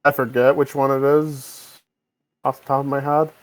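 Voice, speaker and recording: A man hosts a relaxed podcast over voice chat and keeps stumbling and restarting mid-sentence. His voice sits at an ordinary middle pitch for a man, recorded close and dry with no room sound. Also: normal speed, dry recording, low-quality recording. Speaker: podcast host. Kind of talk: casual chat. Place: home, on voice chat. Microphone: desk mic over voice chat.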